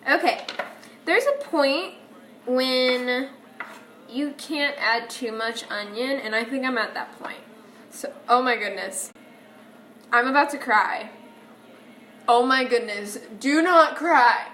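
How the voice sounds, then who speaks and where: A woman's voice: fairly high pitch, slow, pauses often, sharp tone, slight background noise. A young woman vlogging in her home kitchen, chatty and self-mocking, talking straight to her viewers as she cooks. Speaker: cooking vlogger. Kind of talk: casual cooking vlog.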